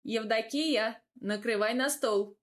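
Brief: woman reading as an old grandpa, slow, sighing, gently in charge. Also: a little high. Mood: weary. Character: weary, kindly old grandfather. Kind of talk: audiobook character voice.

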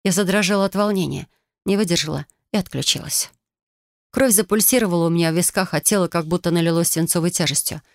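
A woman's voice: lowish voice, fast, no echo, studio quality. A woman narrating a first-person audiobook in an emotional, dramatic reading style.

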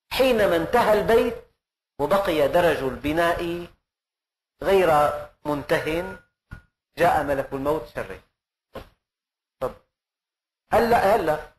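A man's voice: high-pitched, animated, moderate pace, pauses often. An older man preaching in an earnest style, full of rhetorical questions and emphatic rises. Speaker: preacher giving Quran commentary. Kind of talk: sermon.

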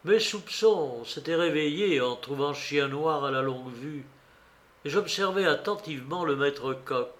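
A man narrating a classic adventure story for radio in a measured, deliberate way. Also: on the high side, lively intonation, fairly bright tone. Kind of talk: scripted literary narration for radio.

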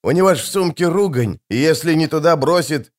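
A man voicing a wet, miserable male mage who hisses and grumbles slowly. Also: on the high side, animated, pitched above the performer's own voice, close to an everyday voice. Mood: indignant. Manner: hissing, grumbling, slow.

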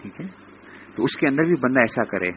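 A man's voice: medium pitch, expressive, muffled recording, slight background noise. A man teaching a Quran class in a live lecture, explaining patiently and checking in with his listeners again and again. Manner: repeats "theek hai" as a check-in; explains slowly, spelling out letters. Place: lecture room.

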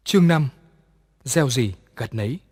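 A man narrating a ghost story in an even, measured way. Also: medium pitch, husky. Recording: long reverb.

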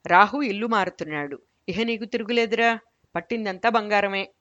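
A woman's voice: mid-range voice, brisk, fairly bright tone, dry recording, natural voice. A woman reading the lines of a pompous, greedy old male holy man. She gives him a grave, commanding manner. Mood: blessing. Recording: dull lo-fi recording.

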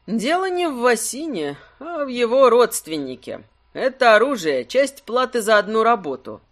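A man voicing a sharp, ironic adventurer woman in an audiobook, speaking with cool, teasing mockery. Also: very high voice, sing-song, moderate pace, voice pushed up, heavily acted.

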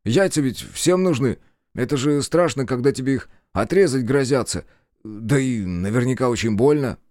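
A man's voice: mid-range voice, animated, normal speed, darkish tone, no echo, studio quality, voice pushed up, lightly acted. Man doing a blunt crude sidekick. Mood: smug. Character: blunt crude young male sidekick, clumsy.

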